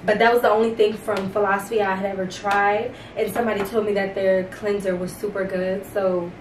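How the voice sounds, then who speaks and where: A woman's voice: mid-range voice, flat delivery, a little fast, reverberant, distant mic, noisy background. A young woman vlogger chatting casually and cheerfully about beauty products, with lots of fillers. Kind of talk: casual chat.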